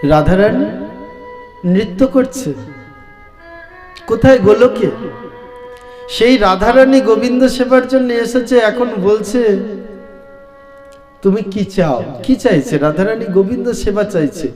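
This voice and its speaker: Male devotional storyteller, slow, sing-song delivery, long reverb, soft violin under him. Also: sits high. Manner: slow, sing-song, addresses listeners directly. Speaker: Bhagavata reciter. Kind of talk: devotional scripture storytelling sermon. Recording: echoey hall, faint violin music.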